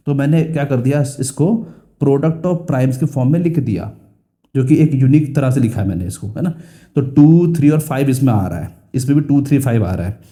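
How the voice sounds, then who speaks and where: Speaking at medium pitch with a mellow quality, a young man with an Indian English accent leads a school math lesson, answering questions he poses himself and going back over key phrases.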